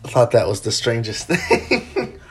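A man's voice: mid-range voice, sing-song, unhurried, crowd noise. A man hosting a podcast in casual chat, chatty with many fillers, laughing easily. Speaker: podcast host.

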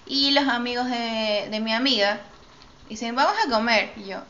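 A woman's voice: fairly high pitch, normal speed. A woman telling a personal story in casual chat, acting out the lines of the people in it. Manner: animated, acts out quoted dialogue. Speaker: podcast co-host telling a story. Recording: slightly dull recording with faint noise.

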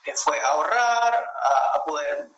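A man's voice: fairly high pitch, expressive, slow pace, a bit bright, reverberant, muffled recording, a little hiss or hum. A man in his late thirties with a Venezuelan accent, a guest telling his story in a reflective way with many hesitations over a video call. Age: 30s. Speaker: interview guest.

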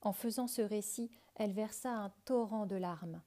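A woman reading a fairy tale aloud in a calm, measured storytelling manner. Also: medium pitch.

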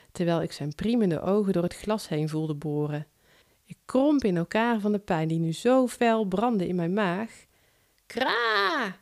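A woman author narrating her own first-person short story in a calm, measured reading voice. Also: fairly low pitch.

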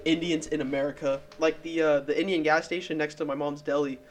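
An animated young man tells stories to friends and swears freely along the way. His voice sits a little high. Faint noise hums under the recording. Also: brisk. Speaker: podcast co-host. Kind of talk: casual chat.

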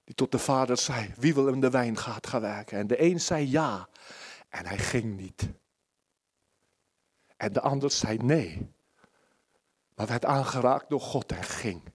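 A man preaching a sermon at a church service, impassioned, moving between loud pleading and hushed near-whispers. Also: medium pitch, unhurried, pauses often, breathy edge.

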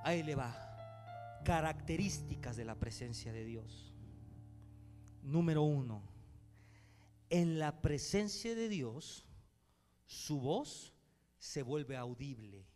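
A man preaching a sermon as pastor. He swings between loud preaching and hushed speech and speaks directly to the congregation. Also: fairly high pitch, animated, slow, long pauses, long reverb tail, over music. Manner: addresses the congregation directly with calls to respond. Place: church hall.

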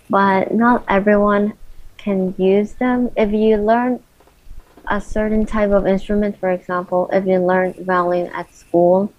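A woman's voice: mid-range voice, dry recording. A woman chatting casually on a podcast, explaining with examples. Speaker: podcast participant. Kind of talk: casual chat. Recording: dry, dull-sounding mic.

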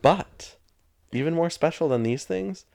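A young man co-hosting a podcast, joking playfully in casual chat with a deadpan touch. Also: fairly high pitch, unhurried, vocal fry, dry recording, clean studio sound. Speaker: podcast co-host.

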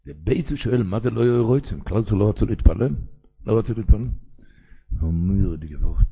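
A man who is a rabbi, giving a Torah sermon with animated preaching and sudden cries. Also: lowish voice, husky, phone-quality sound.

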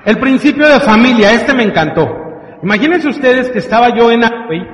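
A man giving an emotional storytelling speech to an audience at a business event, acting out dialogue with dramatic pauses. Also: extremely high pitch, expressive, a little hiss or hum. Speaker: motivational speaker at a business event. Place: large hall with a live audience. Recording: echoey hall, dull sound.

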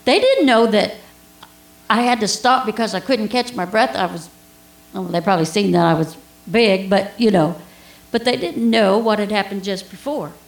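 A woman's voice: mid-range voice, normal speed, gravelly, roomy sound, poor audio. A woman giving an informal Bible teaching, telling a personal story in a chatty way with laughs and asides.

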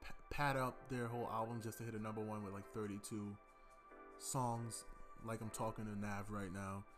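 A young man with a lowish voice and fairly even intonation discusses an album on his podcast at a normal speed over music. The chat is loose and rambling, full of fillers, like a casual music review.

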